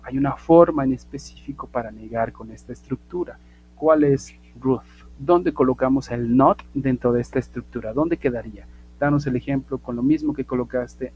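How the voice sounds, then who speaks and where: A male English teacher, speaking at an everyday pitch as he walks students through basic grammar. He talks in an emphatic, repetitive way, checking in with "ok?" and spelling out example phrases slowly. A faint hum sits under his voice. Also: darkish tone, rough recording. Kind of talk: online class explanation.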